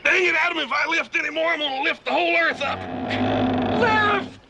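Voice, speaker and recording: An actor playing a big, good-natured, hungry brother in a western drama, plain-spoken and folksy. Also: male voice, extremely high pitch, fairly quick, very noisy. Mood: good-natured complaint. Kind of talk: period western television drama acting.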